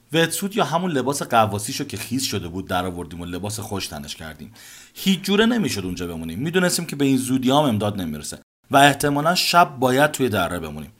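A man narrates his own story for a podcast, first person and expressive. His pitch rises and falls a lot as he recounts each moment vividly, at a middle register.

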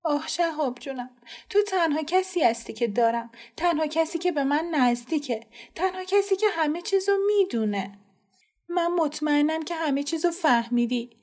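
A frightened teenage girl in a storybook, tearful and pleading, as a woman reads her. Her voice sits well above the reader's usual pitch. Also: animated, a little mellow.

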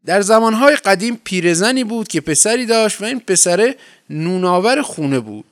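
A man narrating a folk tale for a podcast in a relaxed, colloquial storytelling manner. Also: high voice.

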